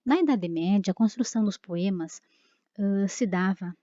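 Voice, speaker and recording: A woman's voice: mid-range voice, moderate pace, dark tone, no echo, muffled recording. A woman teacher giving a recorded lesson, explaining step by step with frequent tag questions and fillers.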